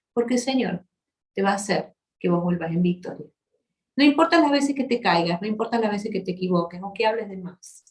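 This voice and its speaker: A woman, preaching to a women's church gathering with passion and tenderness and sudden shifts in volume. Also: medium pitch. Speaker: guest speaker at a women's church meeting. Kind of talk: sermon. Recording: echoey hall.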